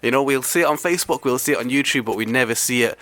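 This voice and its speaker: A man hosting community radio with a croaky, ill-sounding voice, talking casually and hesitantly off the cuff. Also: medium pitch, rapid-fire, sharp tone. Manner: hesitant, conversational, rambling. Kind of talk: casual radio talk, unscripted.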